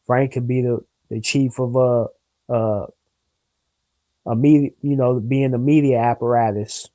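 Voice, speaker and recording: A man's voice: mid-range voice, fairly even intonation, a little slow, warm tone, dry recording, low-quality recording. A young man in a casual talk, earnest and preachy, rambling a little and using plenty of slang. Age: young adult. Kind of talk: casual discussion.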